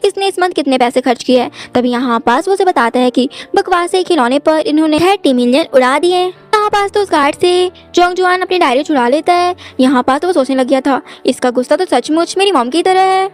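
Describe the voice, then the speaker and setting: High-voiced woman narrating a drama recap. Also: a little fast, hardly any pauses. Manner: repetitive storytelling phrases. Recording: faint background music.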